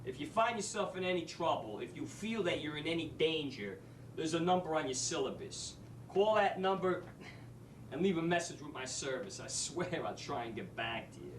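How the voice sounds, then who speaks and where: An actor playing a brash, wisecracking New street-smarts teacher in a stage monologue. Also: male voice, on the high side, slight background noise, close to an everyday voice. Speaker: actor in a drama school showcase monologue. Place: theater stage. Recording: echoey stage from a distant mic.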